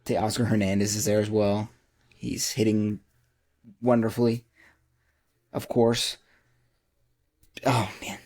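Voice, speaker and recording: A man's voice: lowish voice, level tone, takes it slowly, long pauses, a little mellow. A man hosting a casual baseball podcast, joking as he rattles off player names. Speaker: podcast host. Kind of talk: casual sports podcast chat.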